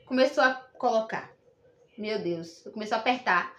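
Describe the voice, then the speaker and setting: A woman's voice: on the high side, moderate pace, echoey room. A young Brazilian woman telling a personal story to camera in a casual, indignant and emphatic way. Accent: Brazilian Portuguese. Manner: indignant, emphatic, repeats herself. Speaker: vlogger.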